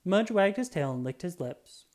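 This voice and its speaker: This is a storybook reader with a mid-range voice, telling a children's story aloud in a deliberate, expressive way.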